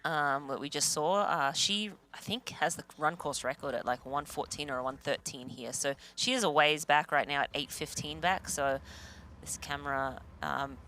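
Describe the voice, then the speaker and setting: A man co-commentating a live race, hesitant and filling pauses with uhs as he checks gaps and names. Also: fairly high pitch, steady tone, sharp tone, slight background noise. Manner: hesitant, many uhs while checking details.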